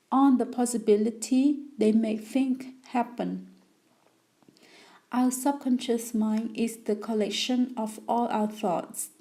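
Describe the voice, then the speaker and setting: Woman audiobook narrator, slightly high, soft dark timbre, unhurried self-help read. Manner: slow, careful reading with small restarts.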